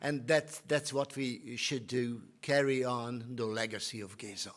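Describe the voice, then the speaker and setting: A man's voice: medium pitch, fairly even intonation, measured pace, fairly bright tone. A man hosting a ceremony and introducing speakers with some hesitation. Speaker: host of the ceremony.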